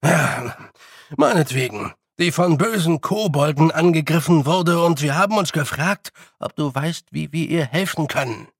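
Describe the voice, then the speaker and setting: A man's voice: fairly high pitch, lively intonation, normal speed, slightly rough, dry recording, studio quality. A man voicing a tiny, brash fairy-folk leader who blusters and improvises excuses. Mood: blustering.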